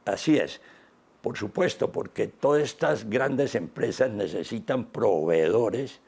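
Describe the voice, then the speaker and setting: A man, speaking as an interview guest in an unhurried, reflective way, pausing often. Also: lowish voice, lively intonation, creaky, a little mellow, husky. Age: 80s. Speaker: interview guest, business founder.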